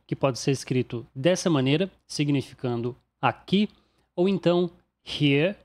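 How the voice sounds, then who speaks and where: A man with a Brazilian Portuguese accent teaching English pronunciation, explaining clearly and repeating each example word slowly. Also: on the high side, a little mellow. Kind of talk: instructional explanation.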